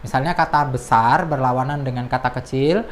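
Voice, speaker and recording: A woman's voice: rumbling low, brisk, slight background noise. A woman teacher explaining a lesson in an explanatory way, sometimes reading quoted lines in a raised voice. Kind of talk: classroom lesson.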